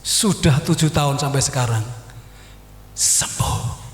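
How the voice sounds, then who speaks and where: Man, Javanese accent, high voice, animated storytelling sermon, echoey hall with long reverb. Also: normal speed. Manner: animated storytelling, acting out dialogue. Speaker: pastor. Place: church hall.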